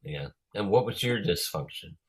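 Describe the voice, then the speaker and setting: A man's voice: sits low, animated, normal speed, slightly rough. A man talking in a casual chat, hesitant, with many fillers and trailing phrases.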